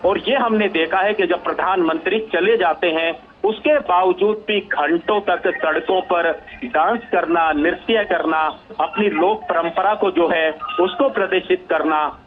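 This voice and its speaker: High-voiced male news analyst, repetitive. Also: narrow, tinny audio. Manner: measured, repeats phrases for emphasis. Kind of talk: live news commentary.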